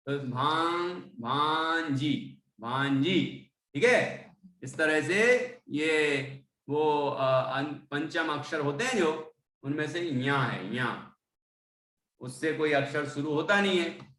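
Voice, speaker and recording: Slow, bright-voiced man teaching verses. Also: a little high, reverberant. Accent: Hindi speaker from Indore, central India. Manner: explains slowly, chants verses for students to repeat. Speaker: religious teacher. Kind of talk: devotional text lesson with recitation.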